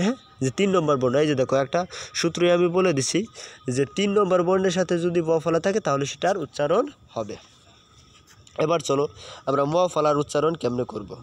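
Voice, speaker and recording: A young man teaching a pronunciation lesson, explaining step by step, repeating points and asking his students questions. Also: a little high.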